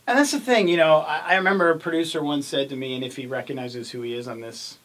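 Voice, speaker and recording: Male interview host, enthusiastic, frank, fairly high voice. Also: fast talker, fairly bright tone. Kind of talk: casual interview chat.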